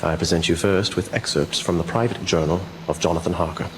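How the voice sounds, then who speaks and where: A man plays a solemn gentleman presenting evidence in a radio drama. His voice is very deep, formal and grave, with faint noise behind it. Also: fairly even intonation, a little fast, close to an everyday voice. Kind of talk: solemn radio drama narration, addressing audience.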